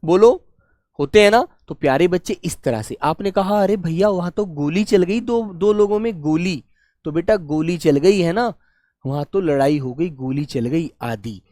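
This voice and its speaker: A man teaching a grammar class for exam students, warmly coaxing and asking questions that he then answers himself. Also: sits high, dry recording, clean studio sound. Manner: warm coaxing, calls students "beta", asks and answers his own questions; stretches key words slowly while dictating notes.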